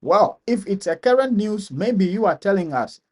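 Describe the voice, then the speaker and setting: A man's voice: sits high, expressive, normal speed, a little mellow. A man with a Ghanaian accent hosting a live-stream question and answer session, reading viewers' comments aloud and answering them, often repeating his phrases.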